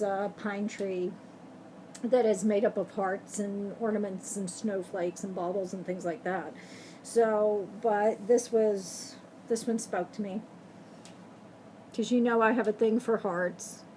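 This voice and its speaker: A woman's voice: on the high side, darkish tone, a little hiss or hum, rough recording. A middle-aged woman chatting casually on camera about her cross-stitch projects, rambling and often correcting herself mid-sentence. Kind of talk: casual show-and-tell chat.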